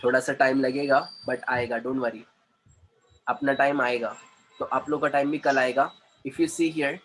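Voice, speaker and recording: A man's voice: on the high side, fairly bright tone, slight background noise, poor audio. A man with an Indian English accent, teaching an online English class. He switches between Hindi and English and drills his students on syllables in a playfully stern way. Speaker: English communication trainer. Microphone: video call.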